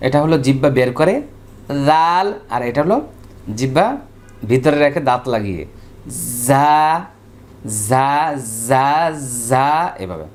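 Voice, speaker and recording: A man teaching Quran recitation with a Bangladeshi Bengali accent, drilling Arabic letters slowly and repeating each sound with care. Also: medium pitch, animated, darkish tone. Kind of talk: slow, careful pronunciation lesson.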